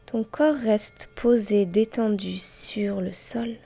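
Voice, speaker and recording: Over soft chimes and music, a female meditation host guides a slow, soothing yoga nidra practice. Her mid-range voice is mellow, soft and breathy, often close to a whisper, with a steady tone. She delivers short phrases very gently and unhurriedly, separated by long pauses.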